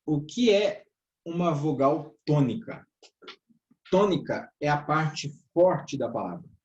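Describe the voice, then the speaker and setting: Teaching grammar to a church workers' course, this man speaks with a southern Brazilian Portuguese accent, his slightly high, darkish voice very animated yet slow. He walks through the lesson step by step, tags phrases with "tá?" or "né?", and calls his listeners brothers. The room is echoey and the highs are cut off.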